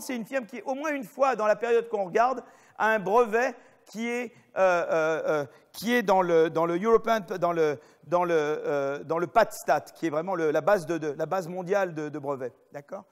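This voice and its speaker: A middle-aged male professor lectures with a fairly high voice. He talks off the cuff, restarting sentences, checking that listeners follow, and slipping in wry asides about himself. The sound carries a long reverb from the hall. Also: normal speed. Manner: digressive, many restarts and asides, checks in with "vous voyez"; jokey, self-mocking asides. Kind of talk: spontaneous university lecture.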